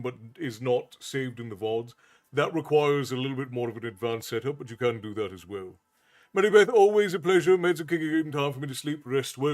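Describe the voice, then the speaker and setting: A folksy streamer and storyteller host from Ireland, with an Americanized Southern Irish accent, chats casually on a livestream in a mid-range voice. He thanks people in chat by name and calls his viewers "love."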